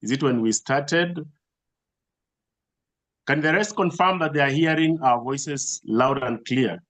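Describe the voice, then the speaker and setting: A man's voice: mid-range voice, takes it slowly, a bit bright. A man on a video call, practically sorting out an audio problem. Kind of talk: call coordination.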